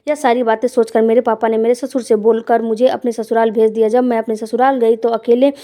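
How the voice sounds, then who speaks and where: A woman narrates a first-person story, speaking plainly and conversationally with quiet emotional weight. Her voice sits a little high, and its tone is soft and mellow. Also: level tone, a little fast.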